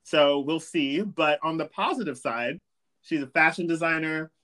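A man's voice: fairly high pitch, normal speed, sharp tone. A man hosting a podcast, recapping an episode in an easygoing way and giggling often. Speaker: podcast host. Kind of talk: casual recap chat.

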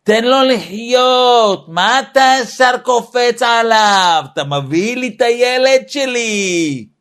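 A man acting out an overprotective mother who scolds her husband for shouting at their child, in a raised, indignant voice. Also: very high-pitched, lively intonation, clean tone, pitched above the performer's own voice. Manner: protective, indignant.

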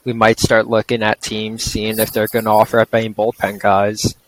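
A man's voice: lowish voice, completely flat delivery, moderate pace, a little hiss or hum, rough recording. A man chatting casually about sports as a panelist on a podcast.

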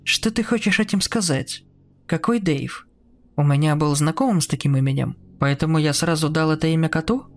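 A man playing a scared, bewildered man in a spoken horror story, halting and unsure. His voice rises a little above the narrator's usual tone. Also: on the high side, faint music behind, natural voice. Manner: hesitant and halting. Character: frightened, confused adult man.

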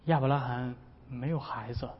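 A man's voice: medium pitch, steady tone, normal speed, breathy edge. A man preaching a sermon as a pastor, in a chatty, humorous way that often breaks into laughter. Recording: dull recording with long hall reverb.

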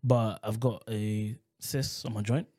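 A man, a podcast guest, talking in a relaxed, matter-of-fact way with frequent hesitations. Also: fairly low pitch, unhurried. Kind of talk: casual chat.

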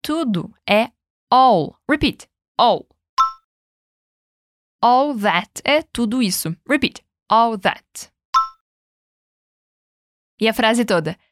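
On a close, dry recording with no room sound, a fairly high-voiced Brazilian woman hosts a podcast English lesson. This English teacher coaches in an upbeat, lively way, saying each word slowly and having the listener repeat it.

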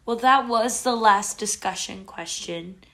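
A woman's voice: mid-range voice, unhurried, sharp tone. A woman hosting a faith book club discussion on a video call, speaking in an encouraging, reflective way. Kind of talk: casual group discussion.

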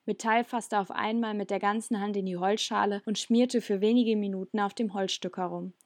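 A woman narrating a children's adventure story in calm, even storytelling. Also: mid-range voice, normal speed, dry recording, studio quality. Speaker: audiobook narrator. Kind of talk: scripted narration.

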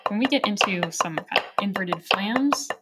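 A woman giving a drum lesson, counting off beats in a calm, explaining way. Loud practice-pad drumming and metronome clicks play right behind her voice. Her pitch sits in an ordinary middle range. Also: normal speed, heavy background noise. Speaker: drum teacher.

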